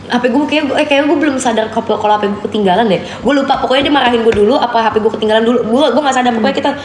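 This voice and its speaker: A young woman appears as a guest storyteller on a casual live stream, telling a personal story very fast in a fairly high voice and acting out the dialogue. The room is echoey, with faint background noise.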